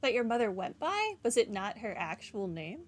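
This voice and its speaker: Streaming a video game, a young adult woman talks through her playthrough casually and reads dialogue choices aloud. She speaks at a moderate pace in a mid-range voice with big pitch swings, over slight background noise.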